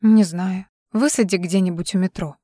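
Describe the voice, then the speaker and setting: A woman reading an audiobook, voicing a heartbroken young woman who speaks softly and quietly. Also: lowish voice, fairly even intonation, normal speed, no echo, lightly acted. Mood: weary. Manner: soft, subdued.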